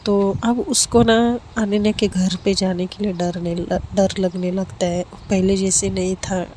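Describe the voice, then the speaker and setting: A woman's voice: mid-range voice, flat delivery, measured pace, a little mellow, a little hiss or hum. A woman telling a love story in a plain, repetitive narrating manner.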